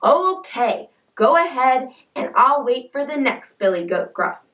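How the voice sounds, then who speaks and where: A woman voicing a mean, hungry male troll who speaks gruffly and demands in a children's story. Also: high-pitched, big pitch swings, a little slow, a bit bright, roomy sound, recorded from a distance, full character voice, low-quality recording.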